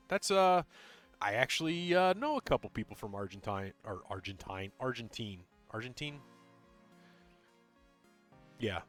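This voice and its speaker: Chatting with his viewers as he plays, a male streamer narrates his run in a fast, mumbly, rambling way, filling gaps with plenty of ums and uhs. He sounds animated, his pitch moving up and down a lot, while quiet game music plays faintly in the background.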